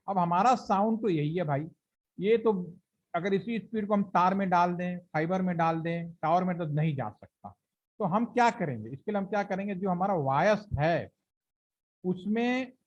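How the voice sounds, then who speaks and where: A man's voice: sits high, lo-fi sound. A man teaching a training class, explaining step by step and asking and answering his own questions, with his speech. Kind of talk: classroom lecture.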